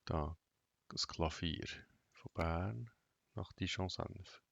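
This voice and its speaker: A man with a Bernese Swiss German accent giving casual let's play commentary in a flat, monotone way, half talking to himself. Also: low voice, takes it slowly, vocal fry, no room sound, highs cut off. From Switzerland. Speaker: gaming video host. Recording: noisy, vehicle engine and clicking behind. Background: truck game engine sounds and clicks.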